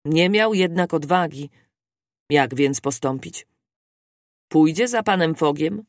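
An audiobook reader giving a steady, scripted narration of a classic adventure novel. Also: mid-range voice, slow, no room sound, studio quality.

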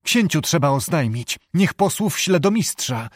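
A man voicing an anxious noble duchess, speaking urgently and pleading in a raised, higher voice. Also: very animated, a little slow, no room sound, studio quality.

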